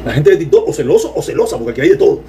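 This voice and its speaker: A Cuban man with a Cuban Spanish accent, giving sarcastic, animated political commentary on a livestream and reading viewer comments. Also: fairly high pitch, rapid-fire, a crowd in the background. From Cuba.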